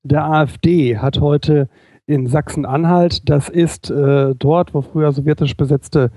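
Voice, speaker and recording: A man with a somewhat high but mellow voice tells a story in a casual co-host chat. He speaks in quick bursts with a wry edge. The recording is dry and close. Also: fairly even intonation, dry recording. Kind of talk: casual podcast discussion.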